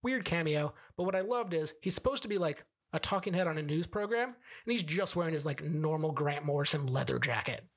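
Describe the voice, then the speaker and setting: A man's voice: fairly high pitch, expressive, a little fast, hardly any pauses. A man co-hosting a movie review podcast in casual chat, rambling with lots of filler words. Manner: rambling, full of "like" and "you know". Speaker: podcast co-host.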